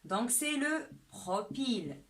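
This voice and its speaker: Woman teacher, slow deliberate delivery, animated pitch, fairly high voice, chemistry lesson. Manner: slow and deliberate, often asks "d'accord?". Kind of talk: step-by-step lesson.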